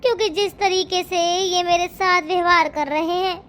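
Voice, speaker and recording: A woman's voice: extremely high pitch, fairly even intonation, moderate pace, a bit bright. A woman playing a young daughter-in-law who answers back and complains about her mother-in-law. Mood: defiant.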